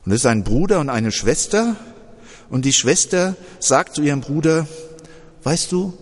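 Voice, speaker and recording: A man's voice: mid-range voice, moderate pace, long reverb tail. Male preacher telling a story. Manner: storytelling with lively voiced dialogue. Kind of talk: sermon storytelling.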